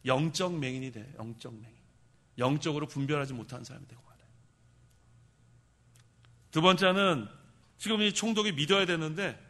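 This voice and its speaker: A male pastor delivers a sermon in a bright, slightly high voice. He keeps quizzing the congregation and then supplies the answers himself. His loud emphatic bursts fall away to quiet remarks. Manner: animated, asks the congregation questions and answers them himself; shouts for emphasis, then drops low.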